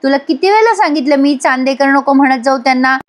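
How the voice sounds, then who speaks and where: A woman's voice: high voice, fast talker, natural voice. A woman voicing a stern middle-aged mother who scolds her daughter reproachfully. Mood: scolding.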